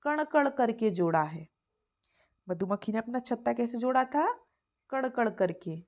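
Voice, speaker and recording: A woman's voice: a little high, lively intonation, a little slow, a little mellow. A woman teacher goes through exam questions for young children. She is patient, repeats each answer and calls the listener "beta".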